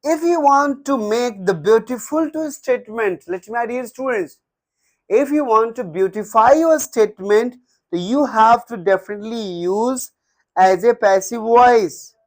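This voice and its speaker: A man's voice: very high-pitched, a little slow. A man with an Indian English accent teaching a grammar lesson, repeating words and dictating examples one at a time.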